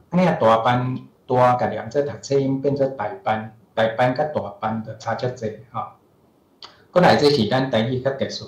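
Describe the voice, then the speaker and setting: Taiwanese guy professor lecturing, keeps clearing his throat, middle pitch, echoey room. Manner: explanatory, frequent throat clearing and filler particles. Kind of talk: online lecture. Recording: roomy echo.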